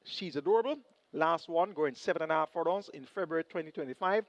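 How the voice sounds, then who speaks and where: Male racing tipster, Jamaican accent, higher register, previewing runners, dry but dull recording. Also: fast, no room sound. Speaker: horse racing analyst. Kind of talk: race preview commentary. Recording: dull, band-limited broadcast audio.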